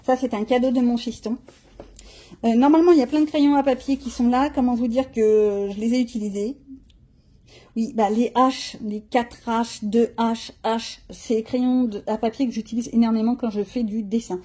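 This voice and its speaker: With a fairly high, warm voice and fairly even intonation, a middle-aged woman talks at a moderate pace about her art supplies. She demonstrates them in casual show-and-tell style, musing aloud and adding blunt, slangy remarks.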